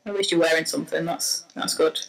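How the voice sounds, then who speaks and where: A woman's voice: low voice, fairly even intonation, fast talker, vocal fry, rough recording. A young woman playing an online game with friends, chatting casually in a teasing, giggly way. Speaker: speedrunner player. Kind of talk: casual gaming chat.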